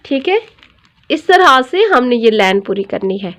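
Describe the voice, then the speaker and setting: A woman's voice: a little high, very animated, unhurried, fairly bright tone. A woman teaching a dressmaking tutorial, explaining each step patiently and repeating every measurement.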